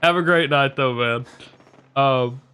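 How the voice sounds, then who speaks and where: A man's voice: medium pitch, slow, bright, forceful tone, clean tone, faint music behind. A young man streaming a game, chatting casually with viewers in a rambling, profane way and laughing often.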